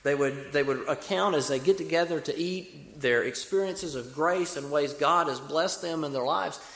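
Preaching to his congregation, this young Alabama man has a Southern accent and a slightly high, fairly bright voice at a moderate pace. He is earnest and folksy, driving points home by repeating phrases, and long reverb from the echoey hall surrounds his words.

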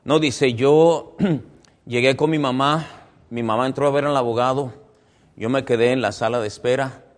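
A male pastor delivers a sermon in a mid-pitched voice. He tells his story dramatically, rising to loud, emphatic peaks and then dropping to hushed, low tones. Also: fairly even intonation, moderate pace.

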